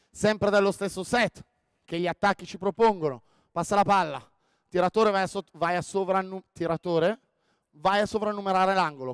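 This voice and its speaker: A man running a basketball coaching clinic on the court, directing players with quick commands and frequent "ok?". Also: sits high, a bit bright, clean tone, no room sound. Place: indoor sports hall.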